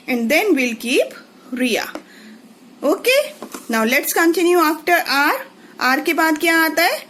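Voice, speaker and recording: A woman teaches young children the alphabet, spelling words out letter by letter. Her high voice swoops up and down in a sing-song way. She speaks very slowly and clearly. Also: a bit bright. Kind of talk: children's lesson, mixing English and Hindi.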